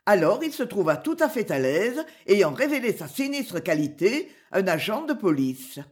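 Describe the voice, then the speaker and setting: A narrator reading a classic novel aloud in a slow, expressive storytelling manner. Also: medium pitch. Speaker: audiobook narrator. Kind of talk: scripted literary narration.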